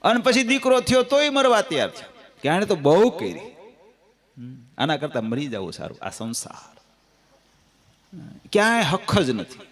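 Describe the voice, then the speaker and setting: A man with a Gujarati accent giving a devotional scripture discourse, telling stories and folk anecdotes in a lively, sing-song way. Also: on the high side, unhurried, long pauses. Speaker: katha storyteller.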